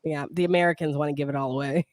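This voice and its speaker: A woman's voice: deep voice, steady tone, racing, a little mellow, dry recording. Woman host, italian first language, chatty and giggly, dry sound. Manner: bubbly, laughs often. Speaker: podcast host. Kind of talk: casual chat.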